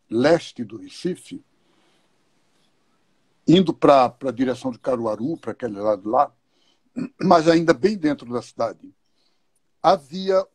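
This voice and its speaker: A guest in a live online talk lays out his views with care, posing questions and offering examples at an unhurried pace. His voice is fairly high yet darkish and husky, recorded dry.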